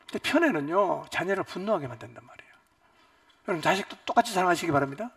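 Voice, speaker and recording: A male pastor preaches at a church retreat in a high, very lively voice. He swings from loud, animated outbursts to quiet asides. The sound is dry, with him a little away from the microphone. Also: racing, husky, no room sound, far from the mic. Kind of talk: retreat Bible lecture.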